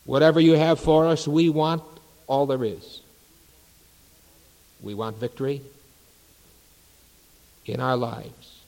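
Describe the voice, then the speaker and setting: A male pastor preaching and praying in a church sanctuary, measured and unhurried, with reverent pauses. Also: mid-range voice, level tone, a little mellow. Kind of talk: sermon. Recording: long reverb of a large sanctuary.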